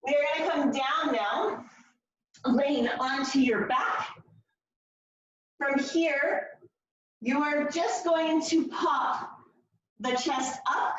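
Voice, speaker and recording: A woman with a somewhat high voice coaches a floor workout in an encouraging way, cueing each movement step by step. She takes her time between instructions. The sound is very echoey, picked up from a distance in the room. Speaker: fitness class instructor. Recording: very echoey room, distant mic, slightly dull.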